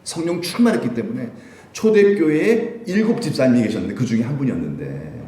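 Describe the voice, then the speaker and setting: A man preaching a Sunday sermon as pastor, lively and conversational, often putting questions to the congregation. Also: medium pitch, brisk. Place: church sanctuary. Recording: echoey church room.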